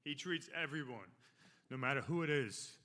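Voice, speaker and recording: This man of about forty, a hall of fame inductee from Long Island, New York, has a medium-pitched, expressive voice with a sharp tone and a moderate pace. At a podium microphone in a ceremony hall, he delivers a rambling acceptance speech that's both joking and heartfelt.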